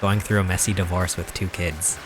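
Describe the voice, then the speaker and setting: A man's voice: deep voice, little pitch movement, brisk, over music. A man in his twenties chatting casually on a live stream while he games, rambling in a mock-serious, joking way and chuckling often. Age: 20s.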